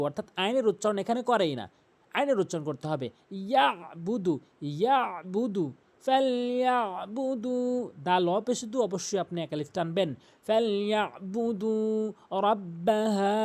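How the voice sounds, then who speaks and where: A man's voice: high-pitched, a little mellow. A man teaching tajweed pronunciation, explaining common mistakes and drawing out the recited words, repeating each sound several times. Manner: drawn-out chanted recitation of example words between explanations.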